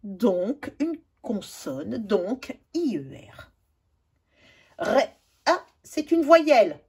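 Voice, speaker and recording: A woman, a teacher slowly going over spelling exercises and spelling out letters one by one. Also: fairly high pitch, very animated, a little mellow, slightly rough. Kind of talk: spelling lesson correction.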